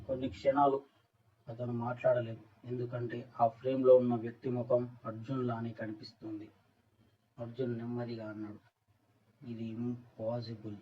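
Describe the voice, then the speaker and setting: A man reading a scripted horror story as narrator, with an even, flat delivery. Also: medium pitch, moderate pace, slightly rough. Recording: dull, distant-sounding recording.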